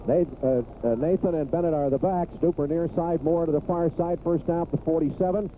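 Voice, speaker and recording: A high-pitched American announcer gives fairly quick live play-by-play of a football game, his terse phrases building into excited calls. It sounds like a tinny 1980s radio broadcast, with noticeable noise behind him.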